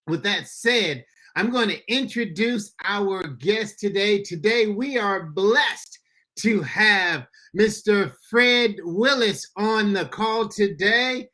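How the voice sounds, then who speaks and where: A man's voice: high-pitched, slow, pushed and bright. A man, a pastor, hosting a casual podcast chat in an upbeat, folksy way, talking to listeners as y'all. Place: Florida.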